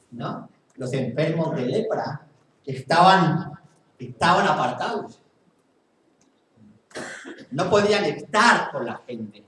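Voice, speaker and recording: A man with a Spain Spanish accent preaches a sermon in a church hall, his voice sitting a little high for a man. The recording is very echoey and picked up from a distance, with faint room noise behind him. He leans on repetition, saying key phrases twice over. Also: a bit bright. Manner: repeats phrases for emphasis, earnest preaching. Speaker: pastor. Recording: very echoey hall, mic far off.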